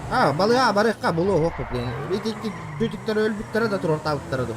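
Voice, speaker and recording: A man chatting casually on a game stream, brash and quick to swear. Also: sits high, very animated, noisy background. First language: Yakut. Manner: brash, combative, heavy swearing.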